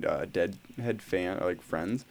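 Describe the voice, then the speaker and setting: A man's voice: sits low, takes it slowly. A young man hosting a casual podcast, joking and playful, with lots of "like.". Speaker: podcast host.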